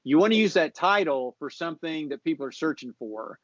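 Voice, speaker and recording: A man giving social media marketing advice in a relaxed chat, explaining patiently and often restarting his sentences. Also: fairly high pitch, brisk, a little hiss or hum. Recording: dull lo-fi audio.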